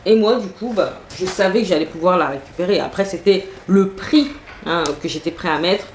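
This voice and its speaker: A beauty vlogger chats eagerly through a makeup and clothes haul, her speech packed with fillers and asides. Her voice is fairly low and a bit quick, recorded in an echoey room with faint noise in the background.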